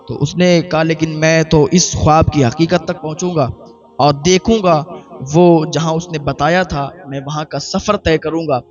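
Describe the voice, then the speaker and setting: A man's voice: on the high side, dull audio. A man preaching a sermon in Urdu, telling a moral story and acting out the characters' dialogue.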